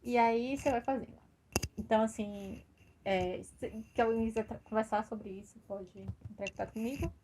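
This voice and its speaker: A woman's voice: a little high, fairly even intonation, moderate pace, noisy background. A woman giving a casual, hesitant personal testimonial about organizing coding events, with an encouraging tone. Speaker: computer science student or graduate.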